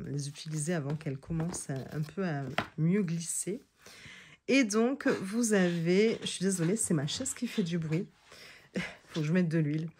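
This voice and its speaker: There's noise behind this lowish female voice as she sits indoors on a chair that creaks. Going through tarot decks in a casual chat, she keeps hesitating, restarting and using fillers, now and then reading out the text on a card.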